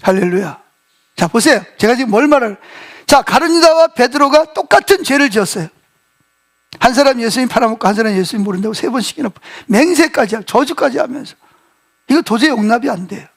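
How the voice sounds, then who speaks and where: A male pastor preaching a sermon, telling the story with lively acted-out quotes and questions to the congregation. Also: very high voice, fairly quick. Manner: animated storytelling, acting out quoted speech, asking the congregation questions. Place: church sanctuary.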